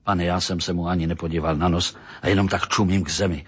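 A man reading a story aloud with a husky voice, in steady storytelling narration. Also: low voice. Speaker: audiobook reader.

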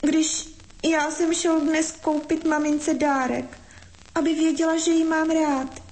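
A woman's voice: sits high, flat delivery, darkish tone, pitched above the performer's own voice. A woman doing a small tearful boy. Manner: tearful, pleading. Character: small shivering sad human boy.

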